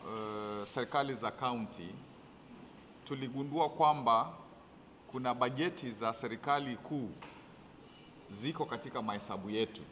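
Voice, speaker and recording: Forceful, bright-voiced man in a hall. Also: medium pitch, moderate pace, pauses often. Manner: bright, forceful, with hesitant fillers. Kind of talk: explaining at a press briefing. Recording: reverberant hall, faint background noise.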